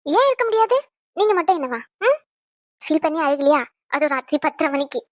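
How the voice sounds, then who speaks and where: A woman's voice: high voice, big pitch swings, brisk, dry recording. A young woman playing a caring pregnant wife in an audio drama, chatty, fussing and tender. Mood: tender, reassuring. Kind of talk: Tamil audio drama acting.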